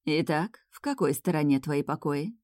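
A woman voicing a playful, self-assured female elf princess with a low, velvety voice in an audiobook. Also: expressive, moderate pace, a little mellow, no room sound, studio quality. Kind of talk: audiobook reading.

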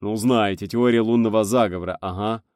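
A man's voice: on the low side, steady tone, fairly quick, a little mellow, no room sound, natural voice. Man doing a snooty scientist scoffing, dry close recording. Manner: haughty, dismissive. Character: haughty skeptical male scientist.

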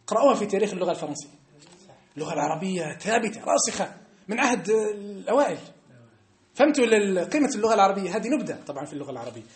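This classroom lesson on religion comes from a North African Arabic-accented man whose high voice swings widely in pitch as he races along. Emphatic throughout, he repeatedly checks with rhetorical questions that his audience has followed, and the room echoes.

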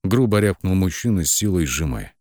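A man's voice: low-pitched, very animated, a little fast, a little mellow, no echo, studio quality. A man reading a first-person audiobook with tense, emotive narration.

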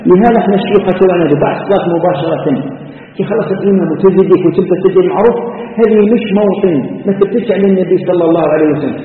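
Male Algerian sheikh, rapid-fire explanatory lesson, thin phone-like sound with a roomy echo. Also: high-pitched, slight background noise. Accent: Algerian Arabic. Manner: explanatory, demonstrating with hand gestures. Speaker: sheikh teaching a religious lesson. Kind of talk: religious lesson mixing classical recitation and dialect. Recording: distant tinny recording in a reverberant hall.

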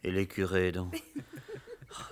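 An actor playing a jealous, bitter husband, muttering indignantly in a stage farce. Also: male voice, low-pitched, monotone, slow pace. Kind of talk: French stage farce acting.

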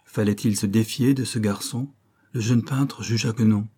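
A man narrating a novel as an audiobook in measured, scripted storytelling. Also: on the low side, steady tone, dark tone, breathy edge.

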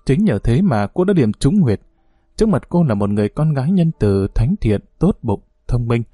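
Mellow male audiobook narrator. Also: medium pitch, dry recording, studio quality, faint music behind. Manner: steady, measured reading. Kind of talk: scripted novel narration.

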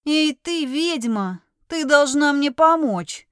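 A brash young witch who talks in a pushy, urgent rush, as a woman reads her part. Her voice is high, and the recording is dry and close. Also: lively intonation, unhurried, clean tone, no room sound.

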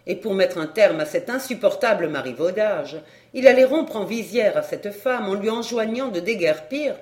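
A woman's voice: mid-range voice, a little mellow. Woman narrating a novel, roomy sound. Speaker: audiobook narrator. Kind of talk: scripted narration. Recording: roomy echo.

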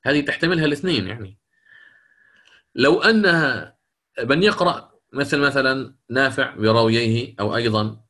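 Male Quran teacher, measured explanations, slow chanted recitation. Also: mid-range voice, fairly bright tone. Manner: explains readings, then recites verses slowly with melodic chant; careful explanatory, hesitant fillers. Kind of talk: online Quran readings lesson.

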